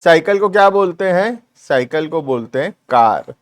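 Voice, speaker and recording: A man teaching a video lesson, dictating English sentences word by word and often asking if it is clear. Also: a little high, animated, normal speed. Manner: keeps checking understanding with "clear?". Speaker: commerce reasoning teacher. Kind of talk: classroom-style video lesson.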